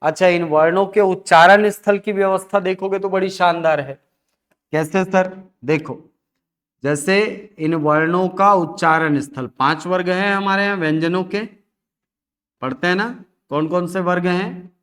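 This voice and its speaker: Male teacher, fairly high and resonant voice, explaining step by step and answering his own questions. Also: fairly even intonation, moderate pace, fairly bright tone, clear, resonant tone. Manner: asks and answers his own questions, addressing students as sir. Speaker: Hindi teacher. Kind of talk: classroom lecture on phonetics.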